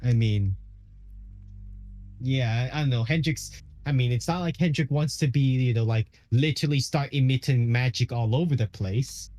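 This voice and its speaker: A man's voice: mid-range voice, moderate pace, dark tone, soft background music. A man playing a tabletop game who muses and thinks aloud hesitantly as he plays. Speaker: player. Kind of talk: casual tabletop game play.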